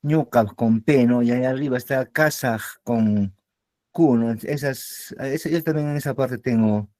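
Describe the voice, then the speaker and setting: A man taking part in an online class, asking a question in a halting, hesitant way. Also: mid-range voice, darkish tone, no echo. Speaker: student.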